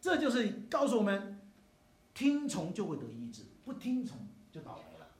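A man's voice: high voice, huge pitch swings, normal speed. An older man preaching a sermon as pastor, emphatic, with many rhetorical questions to the congregation. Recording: echoey hall, mic at a distance.

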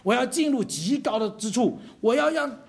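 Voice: mid-range voice, expressive, normal speed, creaky. A preacher voicing a boastful ancient king. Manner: arrogant, boasting.

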